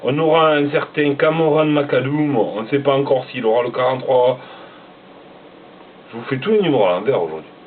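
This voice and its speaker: A man's voice: mid-range voice, brisk, far from the mic, slight background noise. A man, casually reading out a list of riders, tripping over names and joking about it. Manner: stumbles over names, self-mocking. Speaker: motocross vlogger. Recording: tinny phone-like sound from away from the mic.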